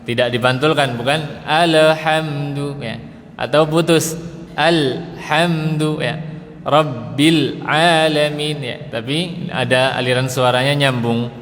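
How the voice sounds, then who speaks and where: A man teaches Quran pronunciation, slowly drawing out each letter sound and tagging "ya" onto almost every phrase. His voice sits at an ordinary middle pitch. Long reverb from the mosque hall trails behind him over a faint hiss of noise. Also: steady tone, fairly bright tone. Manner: patient, slow demonstrations of letter sounds, adds "ya" after nearly every phrase.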